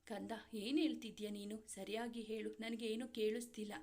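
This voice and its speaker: A woman's voice: fairly high pitch, fairly even intonation, normal speed, a little mellow, close to an everyday voice. A woman reading aloud, voicing an anxious young man who speaks in urgent, pleading questions. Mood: distressed.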